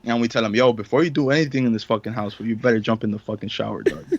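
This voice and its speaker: A man's voice: mid-range voice, steady tone, racing, breathy edge, lo-fi sound. A young man, a podcast co-host, telling a story in casual, profane slang and acting out the quotes. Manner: slangy, swears a lot, acts out quotes.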